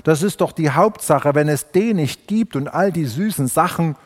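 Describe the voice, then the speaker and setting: A man's voice: fairly high pitch, expressive, moderate pace, long reverb tail. A man voicing a grumbling bear in a storybook fable, a bear that insists on his sweets.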